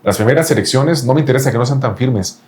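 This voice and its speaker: Speaking fast in a slightly mellow, mid-range voice, a reproductive andrology doctor presses his explanations on a patient during an interview. He says the patient's name again and again.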